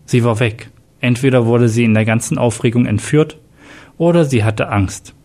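A man voicing a wary male police partner in a read-aloud crime story, speaking in a hushed, confiding way. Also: medium pitch, normal speed, natural voice.

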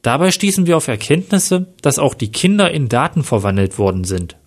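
A man's voice: mid-range voice, sing-song, brisk. Man reading a self-assured investigator.

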